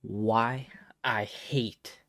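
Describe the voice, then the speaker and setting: A man's voice: fairly low pitch, steady tone, very slow, fairly bright tone, dry recording, clean studio sound. A man ranting to his viewers in a casual comedic vlog, exasperated and profane, rambling with frequent restarts. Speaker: vlogger. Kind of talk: casual comedic rant to camera.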